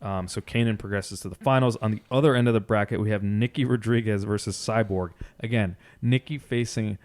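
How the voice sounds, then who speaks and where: Male sports podcast co-host, low smooth voice, measured and explanatory, casual recap style. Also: a little mellow.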